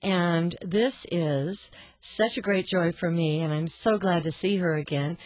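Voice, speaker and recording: Woman, radio talk host, effusive, chatty, slightly low voice, dry studio sound. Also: measured pace, no room sound. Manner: effusive, warm praise, chatty. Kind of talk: casual radio interview.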